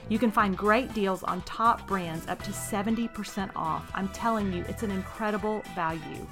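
Lady podcast host pitching a product hard, promo ad read w music under it. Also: sharp tone. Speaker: podcast host reading a sponsor ad. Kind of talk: scripted personal-endorsement ad read.

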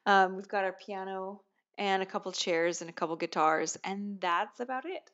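A woman's voice: medium pitch, fairly even intonation, moderate pace, a bit bright. A woman co-hosting a podcast, chatting reflectively and laughing often, heard from an echoey, sparsely furnished room. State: new mother. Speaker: podcast co-host. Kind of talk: casual podcast chat. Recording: dull lo-fi, echoey half-empty room.

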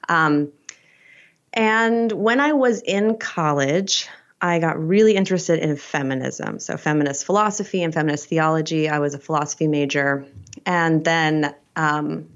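A woman in her forties from Idaho, a professor giving measured, thoughtful interview answers. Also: low-pitched, smooth, dull audio. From Idaho, USA. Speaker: guest, professor and dean.

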